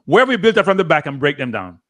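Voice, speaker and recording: On a live football watchalong, this man from Jamaica argues tactics in a highish, slightly bright voice with big pitch swings and a quick pace. He repeats himself a lot, pushes back hard, and laughs frequently.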